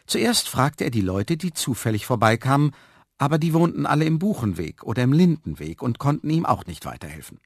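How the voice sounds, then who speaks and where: A man reading a children's story aloud with expressive, lively storytelling. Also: mid-range voice, a little fast, no echo, clean studio sound. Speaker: narrator.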